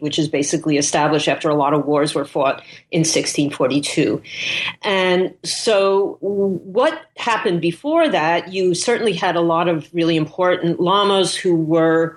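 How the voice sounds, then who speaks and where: A woman, interviewed as a scholar, explains her subject off the cuff, thinking aloud and often correcting herself. Her voice sits low.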